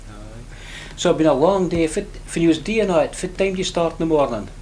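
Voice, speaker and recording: A man's voice: on the high side, lively intonation, fast talker, a little mellow, slight background noise, rough recording. A man with a broad Scottish accent interviewing casually, with murmured affirmations and short questions in dialect. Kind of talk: casual oral-history interview.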